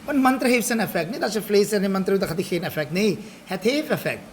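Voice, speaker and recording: Speaking fast and animatedly, this man's voice sits high, and there's slight hiss or hum in the background. He's a swami guiding a scripture study group, frequently checking in with the group while weaving Hindi and Sanskrit phrases into his explanations.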